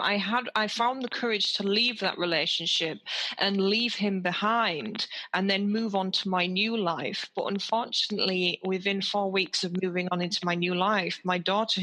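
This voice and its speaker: A woman's voice: mid-range voice, fairly even intonation, moderate pace, pushed and bright, rough recording. A woman with a British accent, guest hosting a talk radio show and earnestly telling her personal story. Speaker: guest host.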